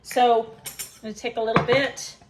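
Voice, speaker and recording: A woman's voice: on the high side, level tone, moderate pace, noisy background. A woman chatting and giggling through a casual home kitchen cooking demo, a bit self-deprecating.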